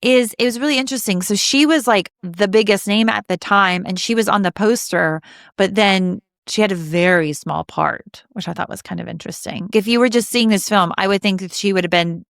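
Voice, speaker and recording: A woman in her thirties with a Southern American accent, co-hosting a film podcast in a chatty, animated way with quick restarts. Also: mid-range voice, vocal fry, no echo, clean studio sound. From Southern United States. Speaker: podcast co-host. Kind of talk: casual film podcast chat.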